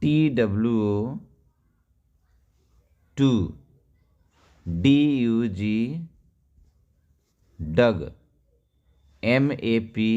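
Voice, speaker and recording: A man gives a very slow reading lesson in a lowish voice. He spells each short word letter by letter, asks how it reads, then answers his own question. The recording is dull and lo-fi. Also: darkish tone. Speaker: English reading teacher.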